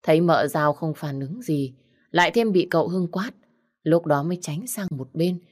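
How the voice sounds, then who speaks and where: A woman narrating a storybook tale in a steady, even way. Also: low voice, moderate pace.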